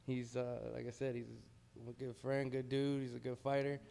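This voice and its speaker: A man's voice: medium pitch, flat delivery, moderate pace, gravelly, dark tone. An American man, a heavyweight boxer, talking casually and modestly in a pre-fight interview.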